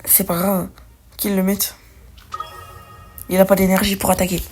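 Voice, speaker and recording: Her voice is mid-range and level, moderately paced, with a darkish tone. She's a young gaming creator doing casual let's-play commentary on a card game, musing aloud in slang and correcting herself, over faint background music.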